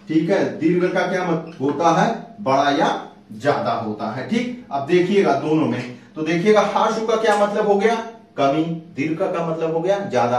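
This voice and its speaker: Male tutor drilling exam points, echoing off bare walls, set back from the mic. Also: sits high. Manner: repetitive, asks and answers own questions. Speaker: teacher. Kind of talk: exam-prep lesson. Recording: very echoey room, distant from mic.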